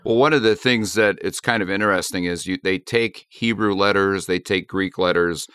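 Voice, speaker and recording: A man's voice: sits low, normal speed, a bit bright, clean tone, no room sound, studio quality. Plain-spoken man, pastor co-hosting a podcast. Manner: friendly, plain-spoken explaining with some fillers. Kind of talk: casual Bible study podcast chat.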